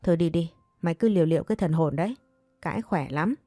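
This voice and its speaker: A woman's voice: fairly low pitch, fast talker, no room sound, studio quality, soft background music, close to an everyday voice. A woman voicing a jealous young mistress of a household who scolds and threatens her servant. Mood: scolding. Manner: scolding, threatening, sharp-tongued.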